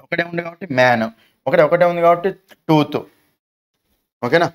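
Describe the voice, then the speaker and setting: Fast, high-voiced Telugu teacher. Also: male voice, smooth. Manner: asks questions and answers them himself, calls students "nanna". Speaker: English teacher. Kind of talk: classroom grammar lesson.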